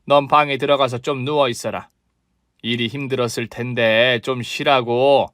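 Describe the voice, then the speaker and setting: A man's voice: medium pitch, steady tone, moderate pace, a bit bright, dry recording, studio quality, lightly acted. A man voicing a haughty, scolding older mother-in-law in a dramatized story, giving orders. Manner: commanding, scolding.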